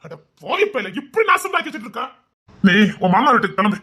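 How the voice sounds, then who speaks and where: An actress playing an angry sibling who scolds a cheating brother with contemptuous, rapid-fire questions, in serial drama style. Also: female voice, on the high side, very animated, bright, forceful tone, breathy edge, full character voice. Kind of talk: Tamil serial drama acting.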